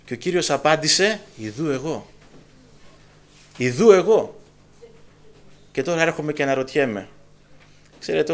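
A man preaching a sermon to a congregation, dramatic and emphatic, dropping to a hush and then rising loud, acting out quoted dialogue. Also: fairly high pitch. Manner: acts out dialogue in quoted voices.

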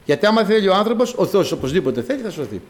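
Greek Orthodox-style preacher, animated and high. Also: male voice. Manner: dramatic, acts out quoted voices with big pitch swings; addresses the congregation as brothers. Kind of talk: sermon.

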